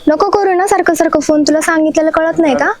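A woman's voice: extremely high pitch, steady tone, fast, darkish tone, a little hiss or hum. A young woman playing a worried, scolding schoolgirl in a comedy sketch. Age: teens. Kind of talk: acted comedy sketch dialogue.

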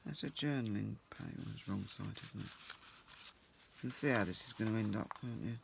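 At a home craft table, the host of a crafting channel chats to himself with a croaky, fairly low voice. He sounds animated and brisk, and there's noise in the background.

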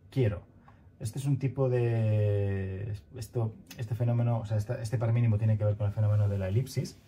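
Slight background noise sits under a fairly low, mellow male voice: a grammar teacher in his thirties recording a slide lecture on a headset at home. He talks in a thoughtful, stop-and-start way, with lots of fillers and restarts.

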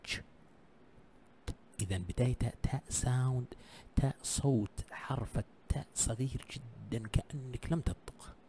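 A man's voice: medium pitch, moderate pace, dark tone, a little hiss or hum. A man teaching English pronunciation in an online lesson. He repeats each sound many times and keeps checking in with his learners.

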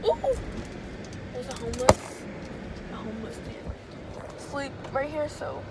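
A young woman chats from the seat of a car, holding her phone out at arm's length. Her voice sits high, and her talk is loose, slangy and full of swearing, ready to flare up loudly. Road and engine noise run clearly underneath her. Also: big pitch swings. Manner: casual, slangy and profane, quick to get loudly worked up. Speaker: vlogger. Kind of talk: casual vlog chat. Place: inside a car. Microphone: phone held at arm's length. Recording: phone recording with loud car and street noise.

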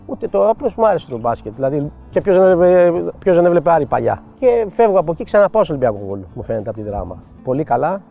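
An older man and football coach telling animated anecdotes in an interview, acting out the dialogue he quotes. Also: on the high side, vocal fry, few pauses. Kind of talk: storytelling interview. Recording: dull lo-fi sound with faint music.

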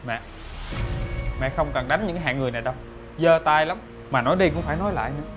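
Guy doing a fast blunt husband, cold and accusing, music under. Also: a little high, natural voice. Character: stern betrayed young husband. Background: background music.

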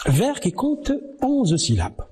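Slow, lively-pitched male lecturer. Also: background noise. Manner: slow, deliberate, counting syllables aloud. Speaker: university lecturer. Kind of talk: televised distance-learning lecture.

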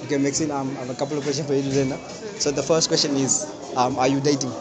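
Out on a busy street at night, a young South African man with a medium-pitched, level voice interviews people using a handheld mic. He talks fast and playfully, saying "okay, okay" again and again over the crowd noise.

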